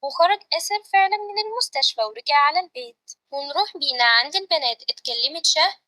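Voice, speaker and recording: A woman with an Egyptian accent reading a romance story aloud as a lively narrator. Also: high-pitched, fast talker, poor audio.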